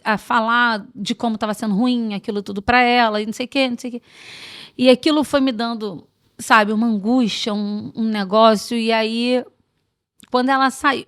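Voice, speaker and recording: A woman guest on a podcast, telling stories in a lively, expansive way in casual chat. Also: a little high, clear, resonant tone, no room sound, clean studio sound.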